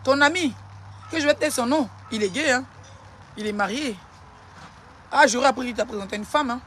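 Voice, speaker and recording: An Ivorian social media personality ranting and hurling insults in a live-stream clash, in a taunting, rapid-fire manner. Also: high voice, a bit bright, slight background noise.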